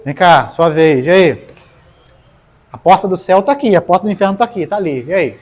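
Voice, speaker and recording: Jesus as a judge, put on by a woman, calm, matter-of-fact, questioning, lively pitch. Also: brisk.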